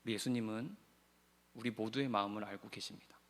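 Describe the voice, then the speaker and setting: Impassioned pastor in a reverberant church. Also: male voice, lowish voice, fairly even intonation, brisk. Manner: swings from soft and hushed to loud impassioned pleading. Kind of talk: sermon. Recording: long church hall reverb.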